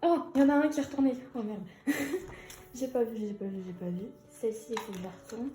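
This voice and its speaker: Young woman unboxing stuff, excited and giggly, kinda high voice, echoey room w faint music. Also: quick pace. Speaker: YouTuber unboxing an album. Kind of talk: casual unboxing vlog.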